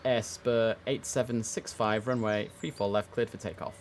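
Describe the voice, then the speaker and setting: At a normal speed and in a steady, fairly low voice, a man chats casually on a live stream as he plays air traffic controller. His easygoing talk is half aimed at himself, and he slips into clipped controller phraseology now and then.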